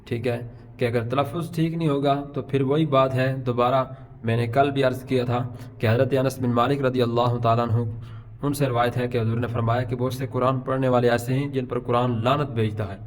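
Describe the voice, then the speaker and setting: A man's voice: medium pitch, little pitch movement, slight background noise. A middle-aged man teaching letter pronunciation to beginners, patiently explaining each sound and stretching out the example letters. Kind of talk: Urdu alphabet lesson.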